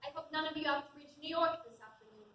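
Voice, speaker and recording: A woman's voice: high voice, fast talker, natural voice. A woman playing a prim, formal woman of the house who speaks properly, recorded on a school stage. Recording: distant echoey stage, loud noise.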